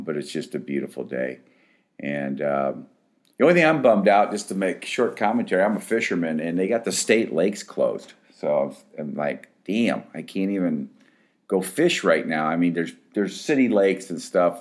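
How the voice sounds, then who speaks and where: A man in his fifties, an addiction counselor, talking casually to his clients in a rambling, frank way full of restarts. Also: a bass voice.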